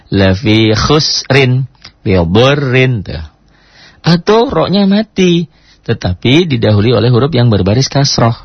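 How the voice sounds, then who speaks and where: A man teaching Quran recitation rules, sounding out example words slowly syllable by syllable and explaining patiently with frequent checking questions. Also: mid-range voice, husky, no room sound, lo-fi sound. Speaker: Islamic teacher.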